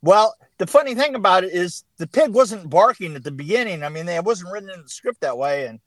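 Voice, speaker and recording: High-voiced rambling male storyteller. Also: lively intonation, a little fast, dry recording. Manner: rambling storyteller, frequent restarts and laughter. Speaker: production designer guest. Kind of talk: casual interview chat.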